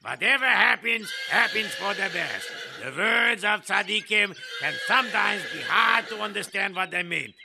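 A man doing a fretful gravelly mill worker. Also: high-pitched, animated, moderate pace, hardly any pauses, very noisy. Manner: fretful, exclaiming, pleading. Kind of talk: audio drama acting.

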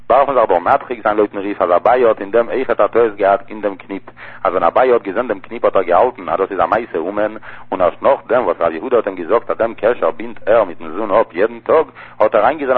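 Thin, tinny, phone-line-like audio carries a man's husky, somewhat low voice as he hurries through a text-study lesson on religious law. He circles back again and again to repeat the key phrases.

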